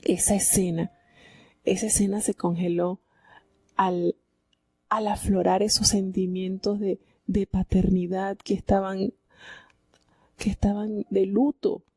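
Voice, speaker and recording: Husky, gravelly woman preaching. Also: medium pitch, little pitch movement, unhurried, pauses often, dark tone, dry recording. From Venezuela. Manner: reflective and heartfelt, often asking "¿verdad?". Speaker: Bible commentator. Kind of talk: devotional Bible commentary on a live program.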